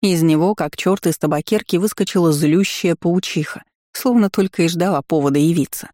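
A woman reading a first-person fantasy novel aloud in a wry, lively storytelling manner. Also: on the low side, a little fast, dry recording, clean studio sound. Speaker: audiobook narrator.

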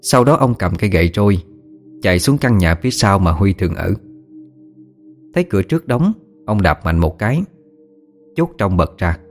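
A man narrating a story as an audiobook reader, steady and expressive. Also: sits low, a little fast, soft background music.

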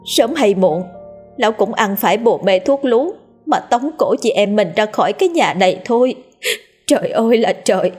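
A woman's voice: fairly low pitch, takes it slowly, husky, faint music behind, full character voice. A woman voicing a flustered third wife who stammers and wails in distress. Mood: wailing. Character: panicky, tearful third wife.

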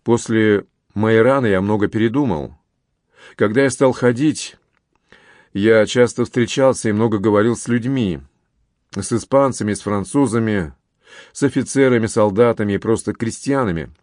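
Man doing serious young officer, calm and steady, low voice, dry sound. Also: moderate pace, dry recording, natural voice. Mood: earnest.

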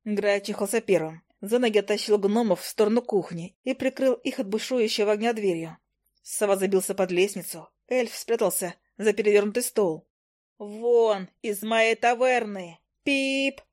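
At a mid pitch, a woman reads a first-person fantasy audiobook briskly and expressively. She conveys the action clearly and with life, keeping up steady storytelling energy.

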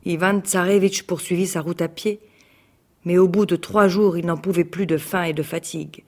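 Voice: medium pitch, steady tone, normal speed, darkish tone. An actor reading a fairy tale aloud on radio, rhythmic and chant-like on the refrains. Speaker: actor reading a childhood book. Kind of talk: storybook narration. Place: radio studio.

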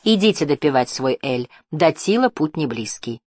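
A woman's voice: low voice, very animated, moderate pace, darkish tone, no echo. A woman reading as a sly glib merchant man. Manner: glib, mock-friendly. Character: sly cheerful male merchant.

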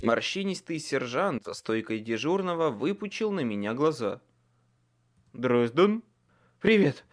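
Man narrating an audiobook with lively pitch. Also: normal speed, few pauses. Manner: expressive, dramatic reading. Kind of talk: first-person audiobook narration.

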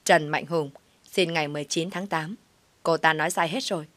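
Woman voicing a curt, mocking young man, lowish and dry. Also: steady tone, brisk, fairly bright tone, no room sound. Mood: triumphant. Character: cold dismissive young man, scornful and sharp.

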